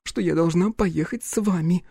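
A man voicing a frightened, tearful young woman who pleads for help in a high, tremulous voice. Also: normal speed, gravelly, mellow, breathy edge, dry recording, clean studio sound, heavily acted. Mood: terrified pleading.

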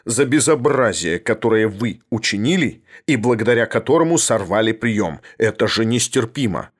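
A man's voice: lowish voice, animated, normal speed, husky. A man voicing an imperious, ironic older professor who speaks in a haughty, thundering way in an audiobook reading.

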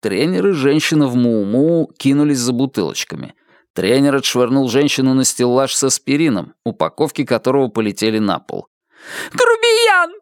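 A man reading an audiobook with expressive, varied storytelling. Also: medium pitch, a little fast, dry recording, studio quality. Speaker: audiobook narrator. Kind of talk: scripted audiobook narration.

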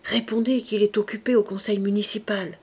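A woman reading an audiobook, voicing a nervous young servant girl who speaks low and hesitantly. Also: fairly even intonation, fairly quick, darkish tone, breathy edge, natural voice. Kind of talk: audiobook character voice.

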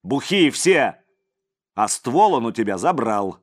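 A man's voice: on the low side, very animated, measured pace, voice pushed up. A man voicing a domineering middle-aged crime boss who barks out scolding commands.

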